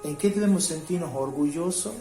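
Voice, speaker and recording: A man's voice: on the high side, mellow. A man preaching with an echo and faint music. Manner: reads scripture slowly, repeats "¿sí?" to listeners. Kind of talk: home devotional sermon.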